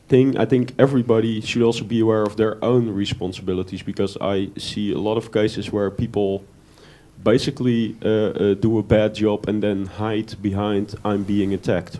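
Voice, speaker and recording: A man's voice: fairly low pitch, mellow, a little hiss or hum. A man making a spontaneous remark from the floor at a conference, often repeating and restarting his words. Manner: frequent repetitions and restarts. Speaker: conference participant. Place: conference room.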